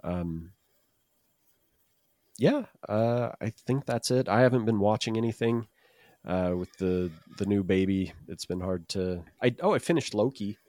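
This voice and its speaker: Low-voiced man, hesitant podcast host. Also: unhurried, a little mellow, no echo, clean studio sound. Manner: hesitant, rambling, self-deprecating. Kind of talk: casual chat.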